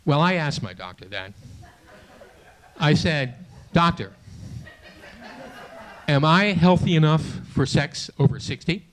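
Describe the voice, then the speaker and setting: A man in his late sixties performing a stand-up comedy set in a small theater, with a halting, self-deprecating delivery full of restarts, and audience laughter behind him. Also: fairly high pitch, animated, a little hiss or hum. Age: 60s. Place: small theater stage before a live audience.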